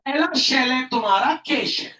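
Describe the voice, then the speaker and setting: A man teaching a classroom chemistry lesson as a tutor, asking questions and answering them himself, with loud bursts of emphasis and English science terms mixed into his speech. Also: very high-pitched, animated, normal speed. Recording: echoey room, mic at a distance.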